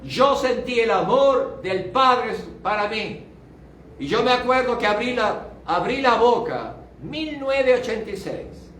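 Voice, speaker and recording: A man's voice: very high voice, lively intonation, a little slow, a bit bright, a little hiss or hum. An older male pastor giving a fervent sermon testimony, dropping in short English asides. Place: church. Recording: roomy church sound, distant mic, faint music.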